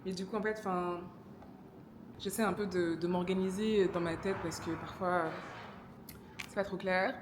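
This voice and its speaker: A woman's voice: lowish voice, steady tone, unhurried, long pauses. Young Congolese woman, casual vlogger, chatty and self-correcting, light background hiss. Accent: Congolese French. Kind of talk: casual vlog narration.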